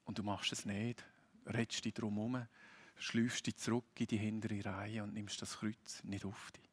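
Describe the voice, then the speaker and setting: A middle-aged man with a Swiss German accent preaching a sermon, earnest and appealing, rising emphatic and dropping soft. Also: lowish voice, flat delivery, normal speed, husky.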